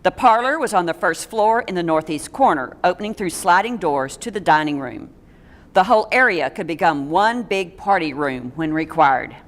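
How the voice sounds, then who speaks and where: A woman's voice: fairly low pitch, expressive, normal speed, in a large hall. A woman giving a local history talk to an audience in a meeting room, reading steadily from notes with small stumbles and dry asides.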